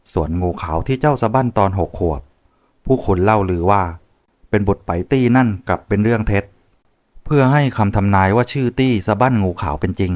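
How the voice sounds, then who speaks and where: A man voicing a mysterious, teasing old male fortune-teller in an audiobook, cryptic and unhurried in manner. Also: lowish voice, a little mellow, lightly acted.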